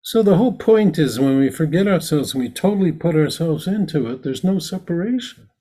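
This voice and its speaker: A man's voice: on the high side, lively intonation, brisk, dark tone. A man, a Zen teacher, giving a dharma talk in a meditation hall, explaining ritual plainly and then acting out its lines.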